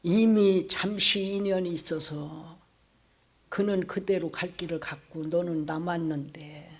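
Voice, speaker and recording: Brief: monk as the Buddha, calm wise teacher, low and hushed, slow, grave. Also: breathy edge. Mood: admonishing. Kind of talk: sermon storytelling.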